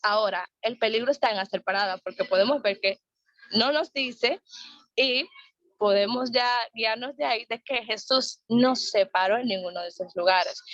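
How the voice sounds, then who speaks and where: A woman teaches a Bible study in an earnest voice, often repeating phrases for emphasis. Her voice sits a little high and sounds dry and close. The audio is dull and lo-fi, like an online call. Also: dry recording.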